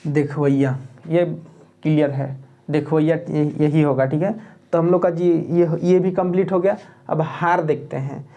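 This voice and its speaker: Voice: mid-range voice, fairly even intonation, moderate pace, dark tone. A teacher giving an exam-prep grammar lesson, who repeats and spells out word parts and keeps checking in with "okay?" while explaining plainly.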